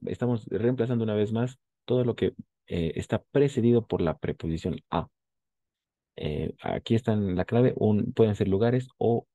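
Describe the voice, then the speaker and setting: Male language teacher, low mellow voice, unhurried, patient, dry close sound. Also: dry recording. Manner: patient, explains slowly, models pronunciation. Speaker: French teacher. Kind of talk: online language class.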